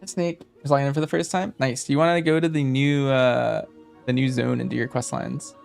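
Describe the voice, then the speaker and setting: Gravelly man chatting on a game stream. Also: medium pitch, fairly even intonation, normal speed, a little mellow, faint music behind. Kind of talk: casual chat with stream viewers while gaming.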